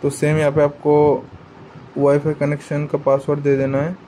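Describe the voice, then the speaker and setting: A man's voice: on the high side, completely flat delivery, normal speed, mellow, a little hiss or hum, rough recording. A man giving a casual how-to product demo, chatty and explanatory, talking straight to his viewers. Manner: chatty and explanatory, often addresses the viewers as guys. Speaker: product reviewer.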